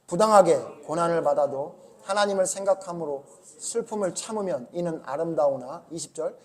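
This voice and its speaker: Pastor, male, high-pitched, emphatic sermon delivery, questions and answers the congregation. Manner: emphatic, swings between loud urging and low asides.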